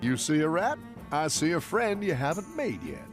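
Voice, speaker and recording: An actor playing a friendly, wry fantasy tavern bartender, with a hearty innkeeper manner and teasing delivery. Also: male voice, fairly high pitch, huge pitch swings, moderate pace, over music. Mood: friendly advice. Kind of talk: in-character answers to questions.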